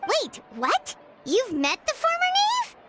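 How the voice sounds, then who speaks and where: A woman voicing a tiny, fussy, childlike companion creature in a video game, squeaky and exclamatory. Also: wildly swooping pitch, slow, heavy background noise, exaggerated voice. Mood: excitable concern. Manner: squeaky, exclamatory, speaks in third person. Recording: loud background music under voice.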